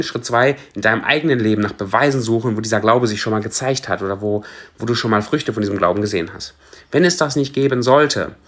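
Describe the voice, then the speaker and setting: Man coaching in a lively talk. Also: mid-range voice. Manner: lively, steps from very soft to animated, many restarts. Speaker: personal development coach. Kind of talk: casual motivational talk.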